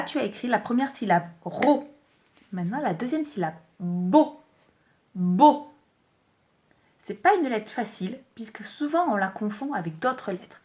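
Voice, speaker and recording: A woman teaching young children in a lesson video, talking slowly and articulating each sound clearly, with an encouraging manner. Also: mid-range voice.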